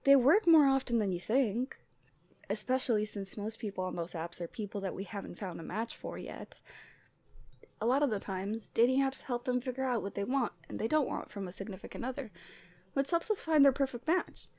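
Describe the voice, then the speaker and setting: A woman acts as a lovestruck Cupid girl talking to her best friend, her voice fairly high and quick, in an ASMR roleplay audio drama addressed to the listener. She's conversational, teasing, chatty and openly emotional. The sound is very dry, with no echo or room around it.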